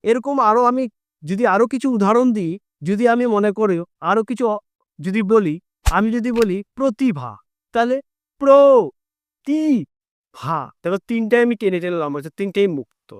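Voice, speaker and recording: A man with a high voice teaches a class, asking his students questions as he goes. He stretches syllables out long to demonstrate them. The recording is dry and close, with no room echo. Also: moderate pace, clear, resonant tone. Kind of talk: explaining a lesson to students.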